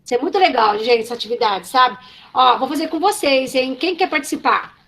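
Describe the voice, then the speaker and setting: A woman's voice: sits high, brisk, a bit bright. A woman teacher giving an online class on a video call, explaining step by step and often checking in with her students.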